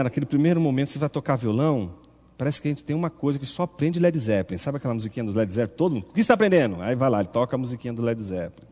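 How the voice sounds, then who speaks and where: A man preaching a sermon in an animated, rhetorical way, acting out the voices he quotes. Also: mid-range voice. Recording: long reverb.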